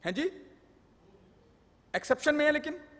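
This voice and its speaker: Male lecturer, high voice, wry and explanatory, live hall with long reverb. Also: animated, moderate pace, fairly bright tone. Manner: joking, explanatory, mixes English terms. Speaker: tax law speaker.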